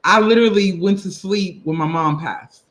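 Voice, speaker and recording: A woman guest in casual chat, telling a personal story in an animated, expressive, folksy way. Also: fairly low pitch, normal speed, poor audio. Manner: folksy, conversational.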